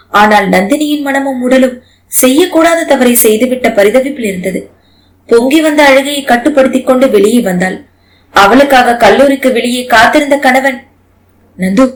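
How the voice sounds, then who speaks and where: A woman narrating a novel as an audiobook in a measured, expressive storytelling manner. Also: sits high, low-quality recording.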